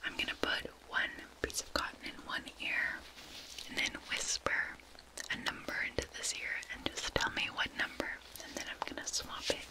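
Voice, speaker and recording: A soft-spoken young woman doing a hushed, soothing whispered role-play as a gentle examiner, very close to a binaural microphone. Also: moderate pace, low-quality recording. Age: young adult. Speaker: ASMR performer playing a gentle examiner. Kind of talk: whispered role-play, ASMR hearing test. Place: small indoor room with curtain backdrop. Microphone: binaural microphone with ears, very close.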